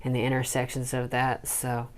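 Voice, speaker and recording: A woman's voice: rumbling low, completely flat delivery, normal speed. A woman hosting a casual podcast, talking in a candid, chatty way and swearing offhandedly. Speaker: podcast host.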